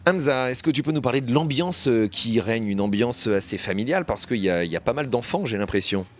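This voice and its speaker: A man's voice: mid-range voice, expressive, fast talker, a little hiss or hum. A man hosting a live community radio show outdoors at a neighbourhood fête, chatty and rambling, with lots of fillers. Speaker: radio host. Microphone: radio studio mic set up outdoors.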